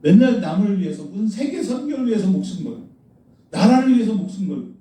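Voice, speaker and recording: A man's voice: high-pitched, sing-song, fast talker, dark tone. A man preaching a sermon as pastor, blunt and scolding, firing rhetorical questions at the congregation. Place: church sanctuary. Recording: echoey church hall, mic at a distance.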